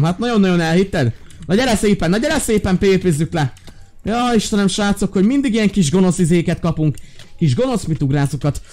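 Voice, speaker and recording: A young man giving excited, loud commentary on his own Minecraft play, often jumping into high yelps and shouts. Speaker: gaming YouTuber.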